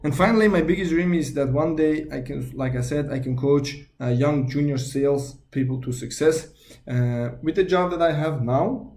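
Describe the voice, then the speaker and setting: Hosting a YouTube sales channel, this young man from Belgium speaks English with a Belgian Dutch accent, his native languages being Dutch and French. He presents the channel earnestly but hesitantly, full of fillers and restarts, in a somewhat high, slightly mellow voice at a moderate pace.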